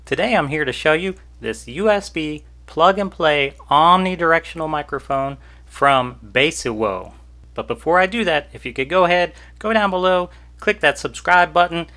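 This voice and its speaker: A man's voice: a little high, sharp tone. A man casually reviewing a microphone on his video channel, chatty and easygoing with jokey asides, recorded at home on a cheap USB desk microphone. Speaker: YouTuber reviewing gear. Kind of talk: casual product review vlog.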